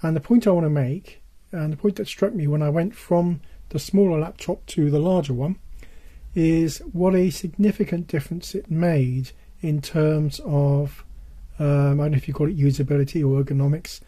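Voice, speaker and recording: Older guy doing a casual tech video, hoarse voice giving out, really mellow, bit higher pitched, halting. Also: fairly even intonation. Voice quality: husky, dull and worn. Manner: halting, repeats points for emphasis. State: losing his voice, hoarse and giving out. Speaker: presenter of a music tech video. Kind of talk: casual product-advice talk.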